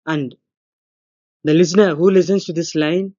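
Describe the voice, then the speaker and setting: A man, a lecturer giving a recorded grammar lesson, explaining slowly and deliberately and acting out the intonation of his examples. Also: on the high side, steady tone, warm tone, dull audio. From India. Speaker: English lecturer.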